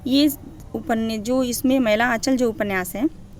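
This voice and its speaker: Higher-pitched woman teacher reading name lists. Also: a little slow, a little hiss or hum. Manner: reads off lists of names, checks in with "ठीक है ना"; corrects herself mid-list. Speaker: Hindi literature teacher. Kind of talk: exam-prep lecture.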